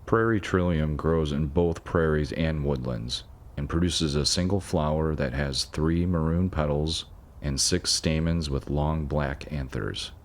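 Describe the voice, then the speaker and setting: A man giving a measured, scripted narration of a nature video, with dry asides now and then. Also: extremely low pitch. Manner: measured, informative, dry asides about pronunciation.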